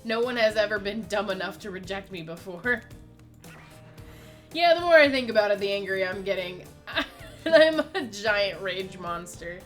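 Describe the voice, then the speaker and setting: A woman's voice: mid-range voice, brisk, a bit bright, faint music behind, natural voice. A woman reading the lines of a brooding, short-tempered killer, answering her own questions with sarcasm. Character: brooding angry killer, denies caring, self-serious. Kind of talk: dramatic game dialogue reading.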